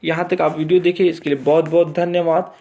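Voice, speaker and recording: A man's voice: on the high side, level tone, quick pace, creaky, mellow. A man teaching math, walking students through a board exam assignment step by step and checking in often as he goes. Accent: Chhattisgarh Hindi. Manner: repeats steps with frequent "theek hai" check-ins.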